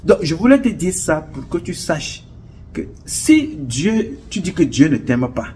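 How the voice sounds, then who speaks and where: A man's voice: on the high side, big pitch swings, measured pace, mellow, slight background noise. A man with a Cameroonian French accent giving an impassioned, preachy monologue, rambling and repeating himself. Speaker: online commentator. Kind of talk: casual monologue commentary.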